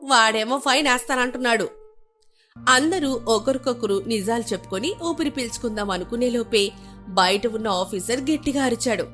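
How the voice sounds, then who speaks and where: A woman narrating an animated family story in a dramatic storytelling manner. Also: fairly high pitch, moderate pace, soft background music.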